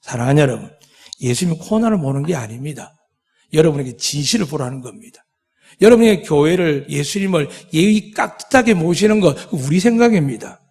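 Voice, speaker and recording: A pastor preaching a sermon, with dramatic voiced quotes and many rhetorical questions. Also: male voice, on the high side, animated, brisk, a little mellow, slightly rough, long reverb tail. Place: church sanctuary.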